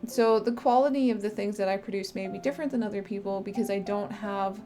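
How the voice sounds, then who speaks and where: A woman's voice: medium pitch, music in the background. Chatty woman with a strained voice. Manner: chatty, with fillers and pauses. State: voice strained, sucking a cough candy. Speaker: filmmaker sharing her experience. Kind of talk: casual podcast monologue.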